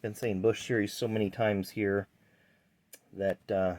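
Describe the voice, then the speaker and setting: Man, low voice, chatty rambling vlog host showing off collectibles. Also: level tone, measured pace, darkish tone. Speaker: channel host. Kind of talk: casual card-collecting vlog.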